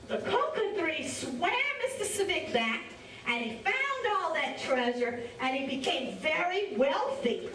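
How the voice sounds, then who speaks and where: A woman's voice: high voice, fairly bright tone, slight background noise. A woman telling stories to children as an educator, theatrical and interactive. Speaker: storyteller and French educator. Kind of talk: animated live storytelling for children. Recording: echoey hall, distant microphone.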